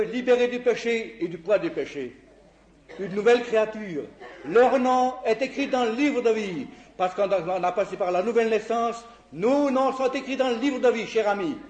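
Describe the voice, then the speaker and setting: Man, preacher, sermon testimony, expressive storyteller, lively pitch, echoey room. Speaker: evangelist preacher.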